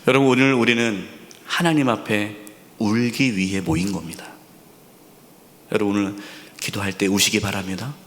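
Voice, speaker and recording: A male senior pastor preaching a sermon, asking rhetorical questions, repeating key words, and dropping to a soft near-whisper for emphasis. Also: on the low side, steady tone, moderate pace, long pauses. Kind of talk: sermon at a Friday prayer service. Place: church sanctuary. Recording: long hall reverb in a church sanctuary.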